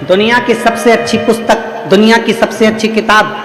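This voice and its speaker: A man's voice: high-pitched, fairly even intonation, normal speed. A man preaching a devotional sermon to a large gathering, with repetitive, rhythmic, emphatic phrasing. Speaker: preacher telling a religious discourse. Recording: echoey hall with long reverb.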